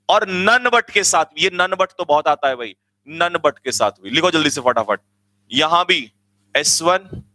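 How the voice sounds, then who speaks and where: High bright-voiced guy teaching grammar, super energetic, keeps saying hurry up and asking the class stuff. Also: no echo. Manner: energetic, urging students to hurry, repeats and quizzes them. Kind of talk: online exam-coaching lecture.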